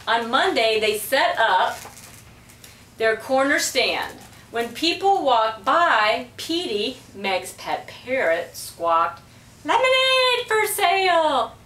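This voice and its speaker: Reading a storybook aloud, a middle-aged woman who is a school principal speaks unhurriedly and animatedly, her voice on the high side. Her storytelling is measured and expressive. The sound comes from a distant camera mic in a small room with block walls, so it is roomy.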